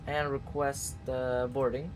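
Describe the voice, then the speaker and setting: A man's voice: medium pitch, level tone, slow pace, noisy background. A man streaming a flight simulator, casually thinking aloud and muttering to himself as he works through procedures.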